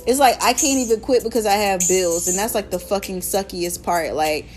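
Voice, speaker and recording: A woman's voice: mid-range voice, normal speed, faint music behind. A young American woman hosting her own podcast, talking casually and candidly with lots of slang and swearing while telling stories. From United States. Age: young adult. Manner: candid, profane, animated storytelling with slang. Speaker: podcast host. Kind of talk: casual solo podcast chat.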